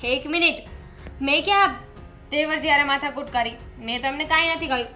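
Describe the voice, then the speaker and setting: A woman's voice: sits high, fairly quick, sharp tone, faint music behind. An actress playing a young daughter-in-law who argues back defensively with her mother-in-law. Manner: argumentative, defensive. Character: defiant young daughter-in-law, sharp-tongued.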